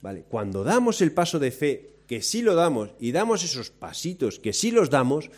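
A man preaching a sermon, telling the story with lively acted-out quotes and questions to the listeners. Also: a little high, normal speed. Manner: lively storytelling, acts out quoted voices, asks the audience questions.

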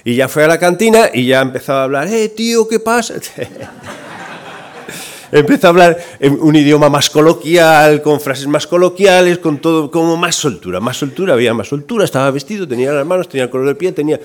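A man's voice: a little high, quick pace, few pauses. A man with a Spain Spanish accent preaching a sermon, telling a story and acting out its voices with energy. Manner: lively, acts out the voices in his story.

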